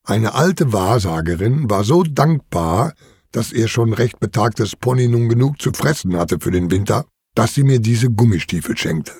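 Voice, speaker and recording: A middle-aged man narrating a children's farm story in an expressive storytelling manner. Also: moderate pace, husky, no echo, studio quality. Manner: expressive, sweeping pitch.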